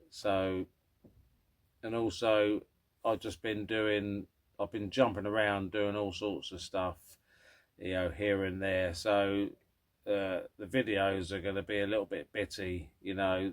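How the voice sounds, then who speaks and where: A middle-aged man who hosts a car vlog, chatting casually and rambling in a low-key, grumpy old man manner. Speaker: host of a classic car vlog.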